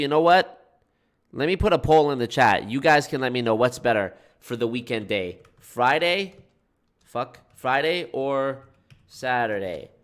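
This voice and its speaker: A man's voice: medium pitch, fairly bright tone. A man with a stuffed-up, blocked nose talking casually and informally to viewers as a live streamer. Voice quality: congested, blocked-nose sound. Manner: informal, swearing, folksy "y'all". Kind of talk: casual livestream chat with viewers.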